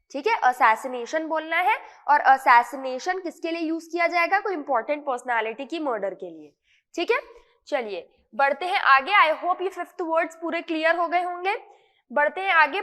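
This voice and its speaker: A woman's voice: high-pitched, a bit bright, big-room sound. A woman teaching English vocabulary in an explanatory lesson, mixing Hindi and English and asking and answering her own questions.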